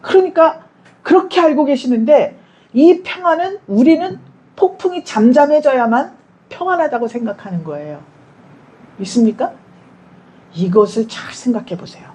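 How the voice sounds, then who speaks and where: A woman preaching a Sunday sermon in a church, her voice high and mellow. She speaks to the congregation in a chatty way, putting questions to them and acting out quoted prayers. Her pitch swings widely from line to line. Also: animated, normal speed, long pauses, slight background noise, low-quality recording. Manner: conversational, asks the congregation questions; acts out quoted prayers and dialogue. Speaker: pastor.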